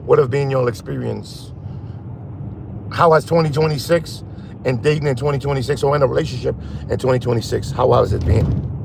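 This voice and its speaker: A man hosting a casual phone livestream while driving at night, rambling and halting as he talks to his chat. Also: mid-range voice, vocal fry, background noise. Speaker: live stream host. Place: in a car at night.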